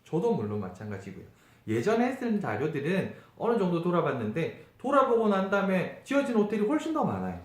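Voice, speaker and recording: A man's voice: high-pitched, wildly swooping pitch, brisk. A man with a nasal, stuffed-up voice explaining things informally like a travel YouTuber, often posing questions and answering them himself. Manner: conversational teaching with rhetorical questions. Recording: echoey room.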